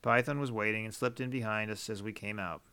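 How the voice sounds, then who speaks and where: A man narrating a novel as an audiobook in a measured, even storytelling manner. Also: fairly low pitch, clean tone.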